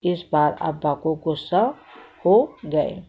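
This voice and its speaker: Woman teacher, low-ish voice, slow and deliberate, reads a story to the class and quizzes the kids, phone-quality sound. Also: animated, husky. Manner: stops to quiz the children and repeats the answers. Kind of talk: reading a textbook story aloud to a class. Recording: tinny phone-like audio.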